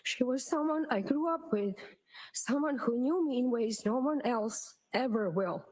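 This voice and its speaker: A woman in a courtroom recording, reading a prepared impact statement at the witness stand in a measured, solemn way. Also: high-pitched, expressive, a little mellow. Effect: courtroom audio feed played on a livestream. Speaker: victim's sister giving an impact statement.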